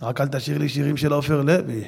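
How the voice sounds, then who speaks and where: A man giving an animated sermon to an audience, dropping to a hush and then breaking into loud, laughing exclamations. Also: fairly high pitch, vocal fry, breathy edge. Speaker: religious speaker.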